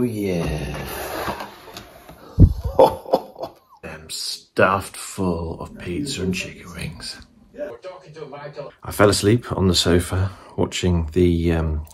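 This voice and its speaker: A man's voice: sits low, background noise. Chatty London man vlogging at home. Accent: British English (London). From England. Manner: rambling, self-deprecating, chatty. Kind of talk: casual self-filmed vlog. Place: home rooms, indoors. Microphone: phone camera at arm's length.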